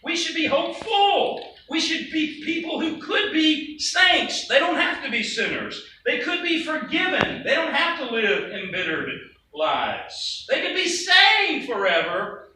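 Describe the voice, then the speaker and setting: A pastor with a very high, sharply toned voice preaches a sermon to his congregation, his pitch swinging widely while his pace stays measured. He keeps it conversational, tossing out rhetorical questions and casual asides. The recording has an echoey room, a distant mic and faint noise.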